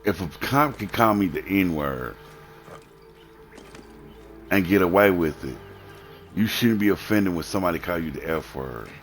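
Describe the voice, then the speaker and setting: A man with a very low voice rants on a live stream, heated and profane, circling back over the same points again and again. Faint music plays underneath him. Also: animated, a little slow, long pauses. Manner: heated, profane, repetitive ranting.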